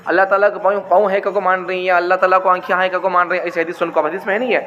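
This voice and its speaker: A man's voice: high voice, little pitch movement, rapid-fire, fairly bright tone. A man giving a religious teaching talk, repeating his points and asking rhetorical questions. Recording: dull, echoey hall with faint noise.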